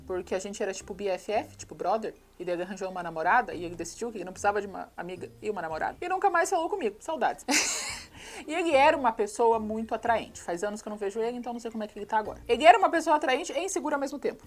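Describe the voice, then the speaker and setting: A woman with a Brazilian Portuguese accent giving a sarcastic, mocking comedic recap of a movie as a YouTube reviewer. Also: high-pitched.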